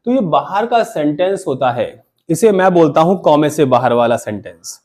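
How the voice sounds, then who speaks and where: A man with a slightly high, lively, somewhat mellow voice speaks at a moderate pace. He is teaching English grammar to a classroom of students, repeating key terms and having the class say them back in call-and-response fashion.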